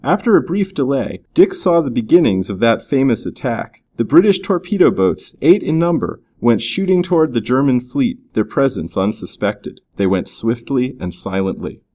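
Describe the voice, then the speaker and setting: Brief: a man reading an adventure story aloud, mid-range pitch, lively and varied delivery. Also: normal speed, few pauses. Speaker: audiobook narrator. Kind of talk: scripted narration.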